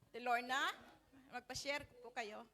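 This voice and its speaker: A woman's voice: fairly high pitch, steady tone, measured pace, pushed and bright. A woman hosting a church prayer meeting, encouraging people to come up and share. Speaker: service host.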